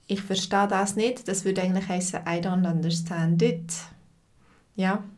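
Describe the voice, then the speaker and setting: Swiss lady teaching online, talks real slow n clear, repeats stuff, mid pitch. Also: fairly even intonation, a little mellow. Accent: Swiss German. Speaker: language teacher. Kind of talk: live online language lesson, reading chat.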